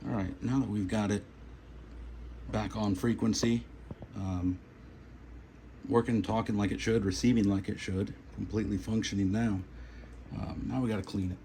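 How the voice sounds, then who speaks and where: A man with a lowish, steady, warm voice and some creak talks at a moderate pace, leaving long pauses. He's a hobbyist presenting a radio repair video, demonstrating casually and unscripted, plain-spoken and hesitant, in short trailing phrases. Background hum and noise are noticeable in the recording.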